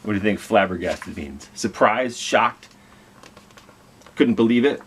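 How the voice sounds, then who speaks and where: This children's storytime host reads a picture book a little slowly, his fairly low voice carrying a breathy edge and lively intonation. He dramatizes the story and puts questions to the kids as he goes.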